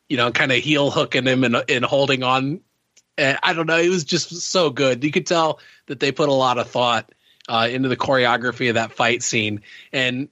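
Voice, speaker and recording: This man talks with a bright, edgy tone on a dry, close mic. He is a podcast panelist who rambles happily, stacking up fillers as he gushes. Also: mid-range voice, no echo. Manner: enthusiastic, rambling with many fillers. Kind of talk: casual podcast chat.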